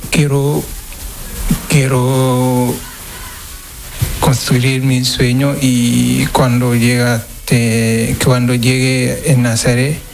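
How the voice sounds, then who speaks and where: A man's voice: mid-range voice, slight background noise, rough recording. Hesitant young man from Senegal. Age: 20s. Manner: hesitant, halting non-native Spanish. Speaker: interviewee. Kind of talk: street interview.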